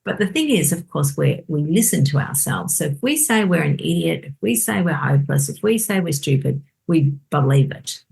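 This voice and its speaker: Gravelly-voiced woman explaining. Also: low-pitched, moderate pace, few pauses. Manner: animated, acts out inner voices. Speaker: doctor guest. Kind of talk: casual podcast conversation.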